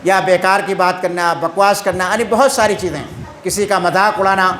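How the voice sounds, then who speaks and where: A man's voice: sits high, fairly even intonation, fairly bright tone. A man giving a religious lesson, who keeps asking the listeners questions and answering them himself. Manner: constantly asks questions and answers them himself, tagging "hain?". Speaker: Islamic teacher. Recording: echoey room.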